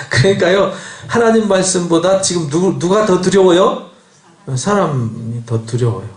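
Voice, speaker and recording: A man's voice: high voice, lively intonation, a little slow, roomy sound. A man pastor giving a Bible lecture sermon, acting out quoted dialogue and asking rhetorical questions. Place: church sanctuary.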